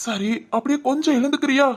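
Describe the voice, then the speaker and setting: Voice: sits high, quick pace, close to an everyday voice. A voice actor playing a young man in a cartoon who is exasperated, teasing and talks to himself. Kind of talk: Tamil cartoon voice acting.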